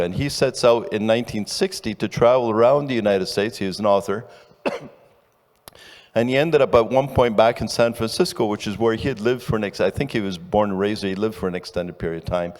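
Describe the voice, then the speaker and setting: Older pastor preaching in an echoing hall. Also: male voice, fairly low pitch, a little mellow. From Ecuador. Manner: conversational storytelling, with halting restarts. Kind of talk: sermon. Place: church sanctuary. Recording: long hall reverb.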